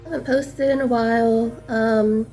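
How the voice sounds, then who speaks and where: A woman's voice: fairly high pitch, fairly even intonation, moderate pace, warm tone, soft background music. A woman who is a patient, giving a casual diary update while unwell and a little short of breath. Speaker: patient vlogger.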